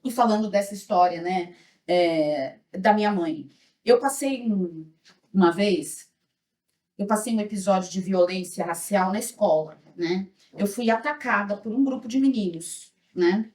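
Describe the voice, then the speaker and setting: A woman's voice: mid-range voice, measured pace, darkish tone. A Brazilian woman leading an anti-racism workshop, talking earnestly and reflectively and often tagging her sentences with a questioning "né?". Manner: earnest, reflective, tags lines with "né?". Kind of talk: workshop talk with a small group. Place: hotel auditorium. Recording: echoey room, mic at a distance.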